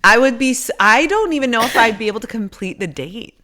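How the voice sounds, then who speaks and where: A woman's voice: on the high side, expressive, fairly quick, pushed and bright. A woman co-hosting a podcast, reacting bluntly and emphatically in casual chat, with some swearing. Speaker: podcast co-host.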